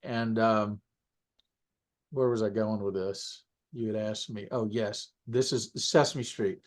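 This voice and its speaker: A man, a puppeteer, telling stories in a casual interview. He rambles and corrects himself, often clearing his throat and coughing between thoughts. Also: fairly low pitch, fairly even intonation, slow. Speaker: puppeteer guest.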